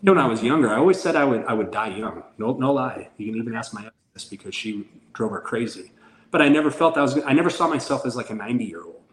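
This forties-aged man talks fast in a mid-range voice with lively intonation. As a guest on a casual podcast interview, he tells a story candidly and performs its lines, and the roomy recording carries faint background noise.

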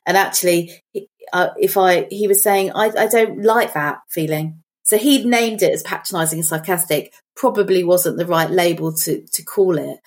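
A woman's voice: lowish voice, moderate pace. Reflective middle-aged woman. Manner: reflective, storytelling, thinks aloud. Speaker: podcast co-host. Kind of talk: casual chat.

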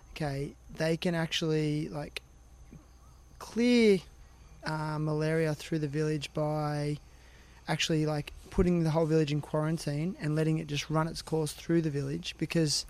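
A man with a fairly high, light voice hosts a podcast interview. He asks long, rambling questions in a loose, chatty way and thinks aloud as he talks. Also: darkish tone. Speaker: podcast host. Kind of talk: casual interview chat.

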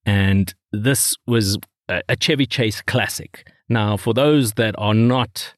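A middle-aged man, telling stories in a rambling, animated way as a podcast co-host. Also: fairly low pitch, slow, dry recording, studio quality. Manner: animated storyteller, rambling with restarts. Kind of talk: casual chat.

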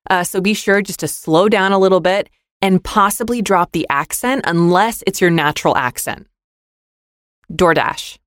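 A podcast host gives friendly, constructive critique of voice-over demos, using casual fillers as they explain. The voice sits mid-pitch, recorded close and dry with no room sound. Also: moderate pace, fairly bright tone, dry recording. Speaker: podcast host, demo reviewer.

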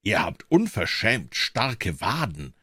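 A man's voice: on the low side, very animated, slow pace, fairly bright tone, slightly rough, no room sound, studio quality, full character voice. Man reading as a menacing devil. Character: menacing male devil, threatening then sly.

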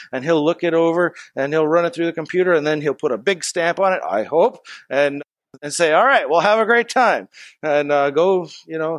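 A man's voice: a little high, no room sound, clean studio sound. A man preaching to a congregation in a church, in a chatty, folksy way with stories and asides. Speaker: pastor. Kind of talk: conversational sermon.

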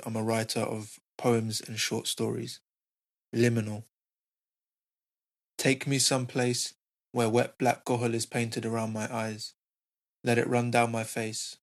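A man of middling pitch reads spoken-word poetry. The delivery stays extremely level, with hardly any melodic movement from line to line. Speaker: poet and short story writer.

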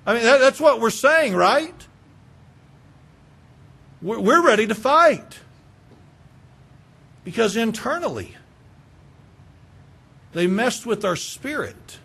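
A man pastor preaching a sermon, asking the listeners rhetorical questions and repeating words as he builds each point, moving between hushed lines and raised ones. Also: very high-pitched, big pitch swings, takes it slowly, vocal fry, long pauses, husky.

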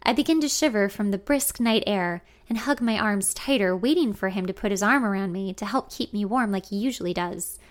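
A young adult woman narrating a first-person story in an intimate, expressive way. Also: medium pitch, brisk, few pauses.

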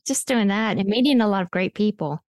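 A woman's voice: medium pitch, expressive, normal speed, darkish tone, no echo, clean studio sound. A woman co-hosting an interview podcast, friendly and chatty. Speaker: podcast co-host.

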